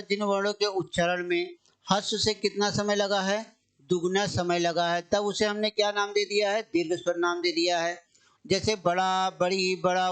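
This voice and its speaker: A male Hindi teacher giving an exam-coaching grammar lesson, asking questions and answering them himself, repeating key phrases and drawing words out slowly. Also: sits high, a bit bright, smooth.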